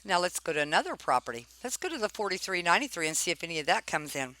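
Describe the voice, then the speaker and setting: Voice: medium pitch, very animated, racing, pushed and bright, a little hiss or hum. A person giving informal commentary while reading documents aloud, pointed and questioning, often tagging remarks with check-in questions. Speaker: narrator reviewing property records.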